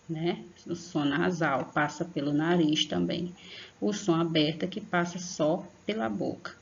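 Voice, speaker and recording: A woman's voice: fairly low pitch, muffled recording. A woman teaching an online grammar lesson to young pupils, patient and affectionate, drawing out sounds and often checking in with the class. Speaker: primary school teacher.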